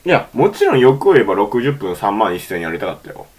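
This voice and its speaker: A man's voice: on the low side, brisk, breathy edge. A man telling a story animatedly in a casual chat among friends. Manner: animated storytelling, Kansai dialect. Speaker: podcast co-host.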